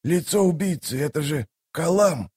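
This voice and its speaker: A man's voice: on the high side, expressive, normal speed, a little mellow, breathy edge, pitched above the performer's own voice. A man doing a muttering fussy soldier-mage. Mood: eager. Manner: muttering, sighing.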